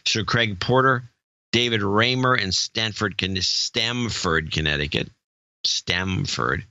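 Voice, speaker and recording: Reading a lengthy donor list on his podcast, the co-host halts and trips over names, slipping jokes in between during casual chat. His voice is lowish, bright, and forceful, with no echo and dull audio.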